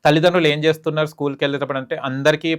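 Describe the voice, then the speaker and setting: A man speaks as a talk-show guest, emphatic and pleading. He talks at a rapid clip. His voice sits fairly high. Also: steady tone, smooth. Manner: emphatic, pleading, rising in pitch when urging. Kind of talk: heated opinion talk.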